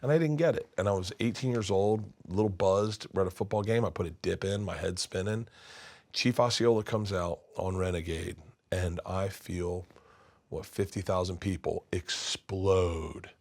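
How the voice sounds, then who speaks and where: Brief: man in his fifties, lowish voice, lively storyteller who drops to a hush when quoting people. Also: normal speed. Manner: animated, swings from loud to hushed when quoting people. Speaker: interview guest, comedian. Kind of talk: candid storytelling in conversation. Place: his studio.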